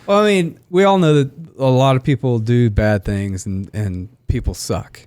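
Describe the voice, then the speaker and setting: A man's voice: mid-range voice, normal speed, darkish tone, clear, resonant tone, dry recording. Dry-sounding man in his forties. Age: 40s. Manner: easygoing, reflective, laughs often. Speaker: podcast host. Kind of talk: casual chat.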